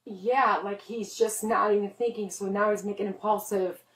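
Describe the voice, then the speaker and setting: This is a worried mother's statement to a police officer, delivered in an earnest, rambling way packed with "like" fillers. She is middle-aged, and her medium-pitched voice keeps a steady tone at a moderate pace. The sound, picked up by a body camera the officer is wearing, is roomy and far off.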